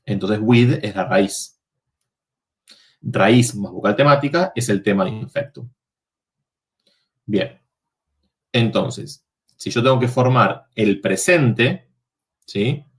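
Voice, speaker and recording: A man's voice: on the low side, slow, long pauses. A man teaching a university Latin workshop, explaining verb forms step by step and checking in with the students.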